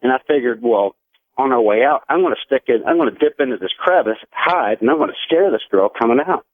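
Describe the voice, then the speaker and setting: The caller, an American in his forties, recounts a personal story to a radio show earnestly and conversationally over the telephone. His mid-range voice is fast and expressive with no echo, though the broadcast phone line sounds thin and tinny.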